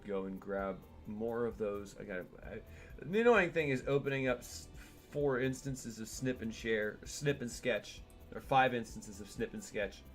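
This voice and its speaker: A man's voice: on the low side, animated, moderate pace, faint music behind. Chatty man streaming a game at home. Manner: chatty and digressive, talks to his cat while playing. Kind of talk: casual gameplay stream commentary.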